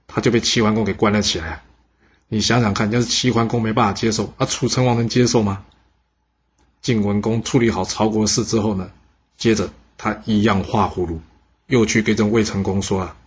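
A man tells history stories in a chatty, casual way, often turning to ask the listener questions. His voice sits low and is strongly husky. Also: lo-fi sound. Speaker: podcast storyteller.

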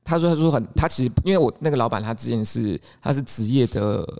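Fast-talking Taiwanese man telling a story. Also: medium pitch, lively intonation, vocal fry, mellow. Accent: Taiwanese Mandarin. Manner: chatty, laughs while telling the story. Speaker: podcast co-host. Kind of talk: casual chat, storytelling.

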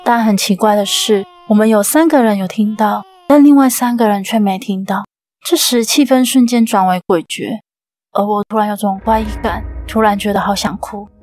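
A woman host with a Taiwanese Mandarin accent narrating a ghost story in a steady, suspenseful way. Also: medium pitch.

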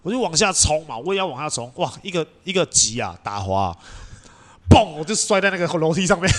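A man's voice: on the high side, sing-song, quick pace. A young man with a Taiwanese Mandarin accent, hosting a podcast and telling a story in casual chat. He acts out quoted voices and laughs often. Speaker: podcast host.

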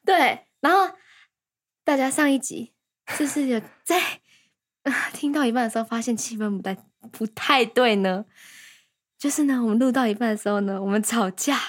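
A woman's voice: on the high side, normal speed. A young woman co-hosting a casual couple's podcast, teasing and playfully complaining. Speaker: podcast co-host.

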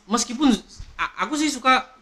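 Young male podcast host, high and bright, laughs a lot, swears a lot. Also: moderate pace. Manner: excitable, laughing, swears often. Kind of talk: casual chat. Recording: echoey room.

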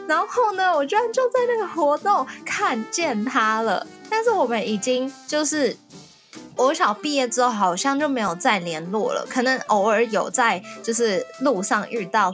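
Woman, young adult, from Taiwan, podcast co-host, casual storytelling, animated, faint music behind. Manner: lively, animated storytelling with rising excited pitch.

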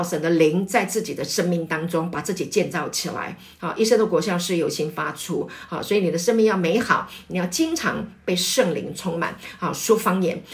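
A woman pastor's wife teaching a church group and leading prayer, explaining patiently with many fillers and building to loud, fervent calls of praise. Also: on the low side. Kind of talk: sermon teaching. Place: church meeting, also online.

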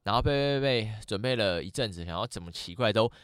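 Guest coach: man, lowish voice, talks very fast, blunt and candid, dry close mic. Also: animated, a bit bright, clear, resonant tone, no room sound. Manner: blunt, frank storytelling with frequent fillers. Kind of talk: casual podcast chat.

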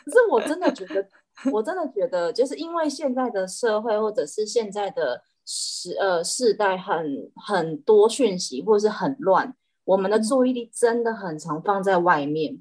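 A woman, an animal communicator chatting as a guest, telling stories in an animated way with frequent restarts. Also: mid-range voice, moderate pace. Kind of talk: casual chat.

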